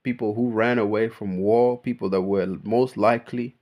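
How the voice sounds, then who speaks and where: A man's voice: lowish voice, fairly even intonation, normal speed, a little mellow. A young man, born in Kenya, ranting in a casual unscripted monologue, emphatic and full of slang. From born in Kenya, raised in Australia. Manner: slangy, emphatic, keeps saying bro. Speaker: vlogger.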